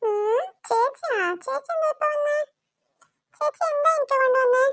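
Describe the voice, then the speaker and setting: A woman's voice: very high voice, moderate pace, noisy background. A woman voicing a cheeky, whiny little girl who teases her older sister in a cartoon. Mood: teasing. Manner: whiny, teasing. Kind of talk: cartoon voice acting.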